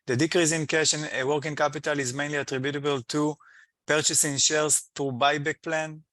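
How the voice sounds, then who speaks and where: This man is an executive presenting financial results on an earnings call, speaking haltingly with somewhat non-native phrasing. His pitch is a little high and his tone level and a bit bright, with no echo at all.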